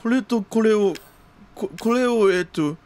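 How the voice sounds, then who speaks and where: This male streamer is playing a horror game and reacting jumpily, firing off repeated exclamations and sprinkling in old-fashioned, grandpa-style expressions. He has a high voice with a somewhat dark tone.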